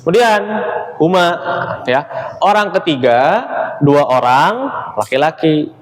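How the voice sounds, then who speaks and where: A man's voice: a little high, expressive, takes it slowly. Patient teacher, man. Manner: explains patiently, checks understanding with "ya" and "gitu". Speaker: Arabic teacher. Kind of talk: classroom grammar lesson. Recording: reverberant hall, faint ambient noise.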